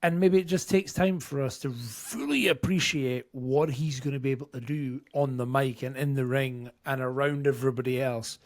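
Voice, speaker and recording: Podcast co-host, mid-pitched male voice, thinks out loud, casual. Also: moderate pace, few pauses. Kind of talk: casual chat.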